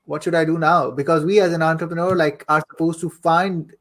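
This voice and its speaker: A young adult affiliate marketer and coach from Saudi Arabia, and later Pakistan, guests on a podcast and casually narrates his personal story. His slightly high voice holds a steady tone at a fairly quick pace, and he's informal and chatty, repeating a phrase for emphasis.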